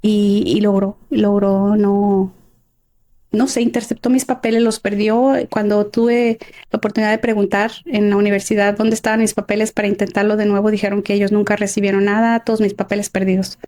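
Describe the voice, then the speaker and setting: A middle-aged woman with a Mexican accent, a guest telling her life story in an expressive, emotional way. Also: medium pitch, fairly quick. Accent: Mexican Spanish. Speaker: interview guest. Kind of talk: personal life story in conversation.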